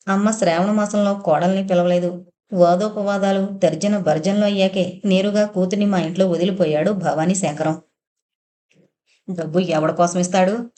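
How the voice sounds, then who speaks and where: A woman narrating a first-person audio novel in a steady, even storytelling manner. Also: medium pitch.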